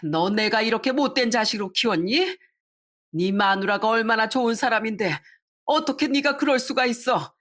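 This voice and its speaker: A woman voicing an older mother-in-law who scolds and shouts in commanding bursts, reading a story aloud. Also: mid-range voice, normal speed, natural voice. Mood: furious scolding.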